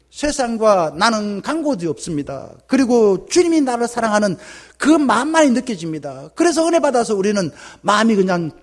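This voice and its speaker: A male pastor with a Gyeongsang Korean accent preaching a sermon in church, often acting out little dialogues. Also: high-pitched. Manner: lively preaching with acted-out dialogue. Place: church sanctuary.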